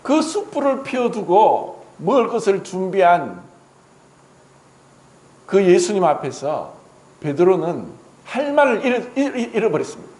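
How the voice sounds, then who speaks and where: A man's voice: high-pitched, very animated, measured pace, darkish tone, echoey room, rough recording. A male pastor preaching a dramatic sermon in a church, acting out the quoted words of the story. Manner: dramatic, voices Jesus and Peter in quotes.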